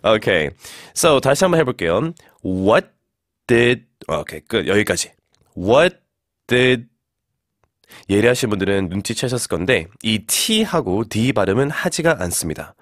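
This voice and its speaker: A man teaching English on air, explaining pronunciation and modelling slow English phrases. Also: lowish voice, very animated, no echo, studio quality. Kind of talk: radio English lesson.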